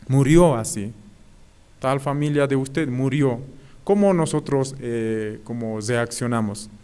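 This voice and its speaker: A man preaching as an evangelist at an online prayer service, speaking haltingly, repeating phrases and often asking his listeners to agree. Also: medium pitch, darkish tone, clean tone.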